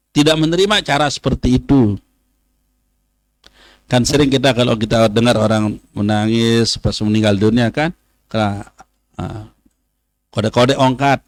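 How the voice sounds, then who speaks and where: A man's voice: medium pitch, dry recording. Man teaching a religious lesson. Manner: explanatory, repeats Arabic phrases slowly then translates. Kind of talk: religious study lecture. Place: pesantren study hall.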